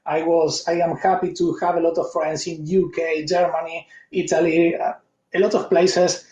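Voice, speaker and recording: A man's voice: a little high, little pitch movement, moderate pace, a little mellow. A man from Argentina with an Argentine Spanish accent, a guest speaking friendly English with non-native phrasing. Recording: echoey, dull lo-fi audio.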